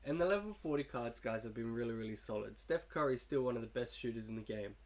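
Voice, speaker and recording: Despite a cold and a cough, this young gaming YouTuber talks through his game team with animated, fast delivery in a mid-range, darkish voice. The casual commentary rambles along over a faint hiss or hum.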